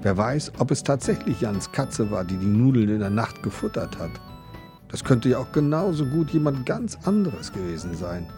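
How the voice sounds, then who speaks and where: A man's voice: medium pitch, sing-song, moderate pace, over music. An actor narrating a children's audio drama as a wry, skeptical man. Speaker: Klaus, narrator and friend.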